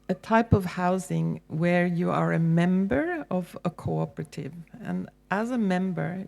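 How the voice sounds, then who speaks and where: Lecturing publicly in a relaxed, chatty way, a Norwegian university lecturer with a Norwegian accent often says um and restarts her sentences. She has a low-leaning, creaky voice.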